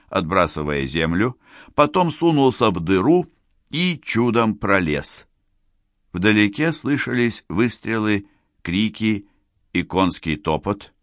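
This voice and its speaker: A man reads an adventure novel aloud in a low, unhurried voice. His delivery is measured and steady. The recording is close and dry, with no room sound. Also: dry recording. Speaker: audiobook narrator. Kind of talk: audiobook narration.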